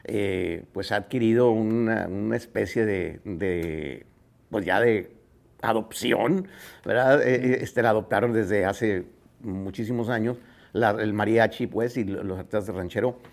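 A Mexican man hosting a casual interview, relaxed and hesitant with many fillers. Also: on the low side, measured pace, vocal fry. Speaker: interviewer host.

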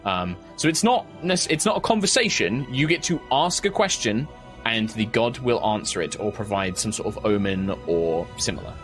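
Low-voiced man as game master. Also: very animated, normal speed, fairly bright tone, faint music behind. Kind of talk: narrating and refereeing a tabletop game.

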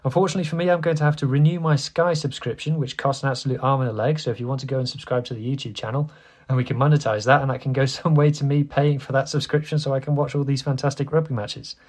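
A man's voice: medium pitch, steady tone, fast, a little mellow. A man hosting a casual solo sports news podcast, talking in a chatty, informal and self-deprecating way. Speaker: podcast host.

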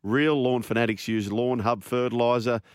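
A man's voice: medium pitch, flat delivery, moderate pace, smooth, no room sound, clean studio sound. A man with an Australian accent hosting a radio show in a casual, chatty style. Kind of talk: casual sports radio chat.

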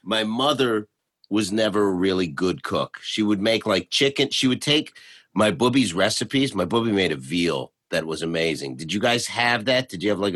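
A man's voice: deep voice, fairly bright tone. A man hosting a casual chat, joking and asking his guests questions. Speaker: podcast host.

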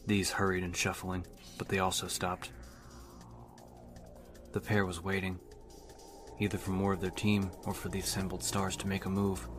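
A male audiobook narrator reads a novel in a steady, even manner. His voice is deep and almost completely flat in pitch. Music runs clearly behind him. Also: moderate pace, long pauses. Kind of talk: reading a novel aloud.

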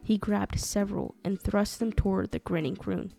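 A woman narrates a dark tale in a measured, dramatic way. Her voice is gravelly and mellow, and soft music plays quietly behind her. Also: mid-range voice. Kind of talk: scripted storytelling narration.

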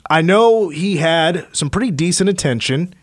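A man's voice: on the high side, expressive, normal speed, no echo, clean studio sound. Upbeat male sports radio host. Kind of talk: casual sports radio talk. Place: radio studio. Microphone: studio microphone.

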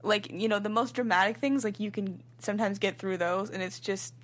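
A woman's voice: medium pitch, fairly even intonation, a little fast, slight background noise. A woman co-hosting a podcast, chatting casually in a thoughtful, hedging way with many fillers. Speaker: podcast co-host. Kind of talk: casual chat.

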